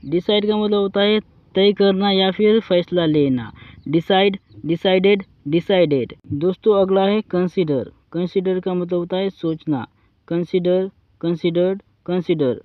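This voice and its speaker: A man with an Indian accent teaches English verbs, repeating each form in a slow, measured drill. His voice sits a little high, and it comes through a thin, phone-like recording with no room echo. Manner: slow drilling recitation, addresses viewers as friends. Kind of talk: vocabulary lesson, reciting verb forms.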